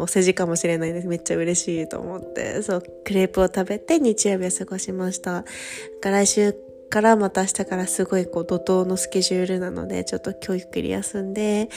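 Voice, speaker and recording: A woman's voice: lowish voice, vocal fry. Chatty woman host with light lilt. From Japan. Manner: chatty, many fillers, soft laughing asides. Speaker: podcast host, study-abroad coordinator. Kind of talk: casual solo radio chat. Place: home in Paris.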